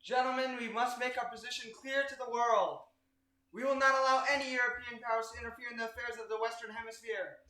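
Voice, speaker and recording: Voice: medium pitch, steady tone, fast talker, sharp tone, echoey room, lightly acted, low-quality recording. Someone playing a stern, commanding president. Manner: decisive, dismissive of objections. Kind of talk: amateur comedy skit.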